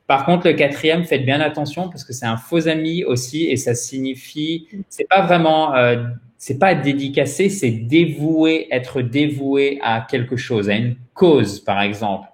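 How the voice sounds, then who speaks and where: A native French speaker hosts an interactive English pronunciation lesson, teaching didactically and speaking directly to his learners. His mid-range voice moves a little slowly in an echoey room.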